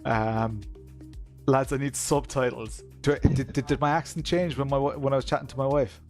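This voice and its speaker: A man's voice: medium pitch, steady tone, moderate pace, darkish tone, faint music behind. A man with a west of Ireland Kerry accent hosts a live stream, chatting casually and reading out comments from viewers. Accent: Irish, County Kerry in the west of Ireland.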